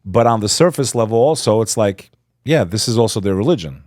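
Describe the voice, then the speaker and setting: A man's voice: lowish voice, animated, fairly quick, a little mellow, no echo, clean studio sound. A man from Texas, a podcast guest talking earnestly and lecturing on history in casual conversation.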